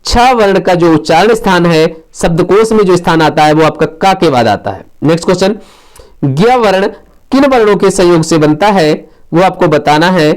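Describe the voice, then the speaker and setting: A man's voice: high-pitched, lively intonation, normal speed. A man teaching Hindi grammar for exams, reading out each quiz question with its options, then giving the right answer with a short explanation. He mixes quiz phrases into his Hindi. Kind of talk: exam quiz lesson.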